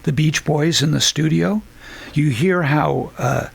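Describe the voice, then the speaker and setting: Gravelly older man, halting and wry. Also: on the high side. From Canada. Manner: halting, self-deprecating, laughs often. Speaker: band member, singer. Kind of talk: relaxed interview chat.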